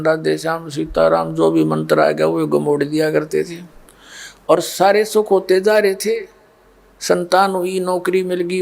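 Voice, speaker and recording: A man preaches a devotional sermon in a high, gravelly voice. His pitch stays level and unvaried as he keeps up a steady cadence, addressing his listeners directly. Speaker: spiritual preacher.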